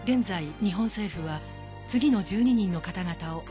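Lady announcer reading formal, measured, with music playing under her. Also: mid-range voice. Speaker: radio announcer. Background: music bed.

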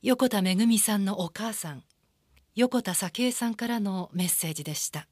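A woman announcer reading a scripted broadcast in a formal, measured way. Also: mid-range voice, expressive, darkish tone.

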